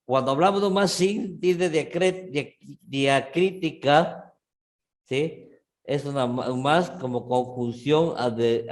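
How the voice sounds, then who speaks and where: Slow-spoken male language teacher. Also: medium pitch, darkish tone. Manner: patient, checks in with frequent "¿sí?"; restarts and self-corrects often. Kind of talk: online language class.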